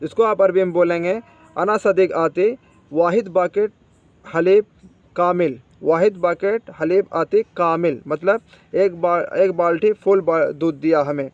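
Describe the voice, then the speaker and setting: A man's voice: sits high, a little slow, a little mellow, no echo, highs cut off. A man teaching spoken Arabic vocabulary, repeating each word and quizzing the listener.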